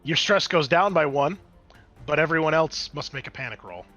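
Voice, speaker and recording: A game master with a voice on the high side runs a tabletop roleplaying session, animated and at a moderate pace. Music sits behind him and the highs are cut off. He talks casually, swearing and muttering asides as he works the game software.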